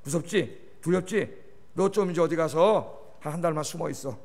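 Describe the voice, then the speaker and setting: A man preaching takes on the voice of God as a fatherly male deity, lower and softer than his usual preaching. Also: normal speed, long reverb tail. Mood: gently reassuring.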